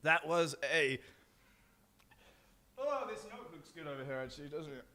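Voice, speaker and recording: A man's voice: a little high, big pitch swings, moderate pace, bright, forceful tone. Hesitant man co-hosting a chat show. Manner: hesitant, many ums and repeated words. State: mouth burning from spicy food. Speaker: co-host. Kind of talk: casual chat while eating hot peppers.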